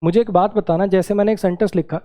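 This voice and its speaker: A man's voice: sits high, steady tone, fast talker, mellow. A man teaching English grammar in a classroom-style lesson, repeating key words and checking that students follow.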